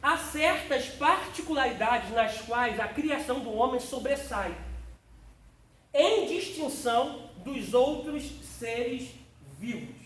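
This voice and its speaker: A man's voice: very high-pitched, expressive, takes it slowly, a bit bright. A man, a pastor teaching a theology class in a fervent, exclamatory preaching style and calling on listeners by name. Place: church classroom. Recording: roomy, distant mic, faint noise.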